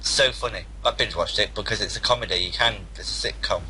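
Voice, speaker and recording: A man's voice: on the low side, quick pace, bright, forceful tone, slight background noise, rough recording. A young man co-hosting a casual podcast, chatting with enthusiasm, repeating himself and swearing casually. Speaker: podcast co-host.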